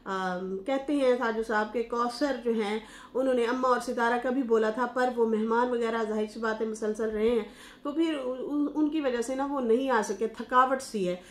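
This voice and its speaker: A woman from Pakistan, a YouTube commentator, gives chatty, gossipy reaction commentary, often pausing with fillers and restarts. Her voice is on the high side, in an echoey room.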